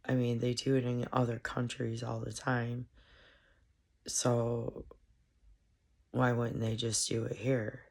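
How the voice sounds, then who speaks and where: Brief: congested woman vlogger, monotone and gravelly, halting ramble full of fillers. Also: very deep voice. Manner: halting, meandering, heavy with fillers. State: stuffed up, congested. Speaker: solo commentary vlogger. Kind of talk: casual rambling monologue.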